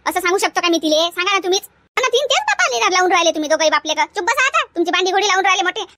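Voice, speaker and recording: A woman playing a village mother who scolds her family with rapid rhetorical questions. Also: very high voice, animated, pushed and bright, no echo, clean studio sound, exaggerated voice. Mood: scolding. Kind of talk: comedy skit acting.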